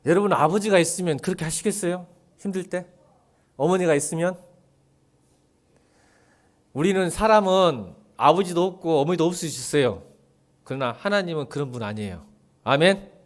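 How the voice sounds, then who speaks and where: Male pastor, fairly high and very animated voice, preaching with rhetorical questions and big soft-to-loud swings. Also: normal speed, pauses often. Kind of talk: sermon.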